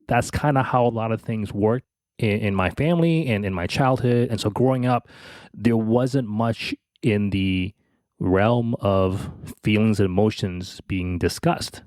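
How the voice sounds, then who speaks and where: Low-voiced man telling a personal story. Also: no echo. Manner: halting, many restarts, soft laughs. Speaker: podcast co-host.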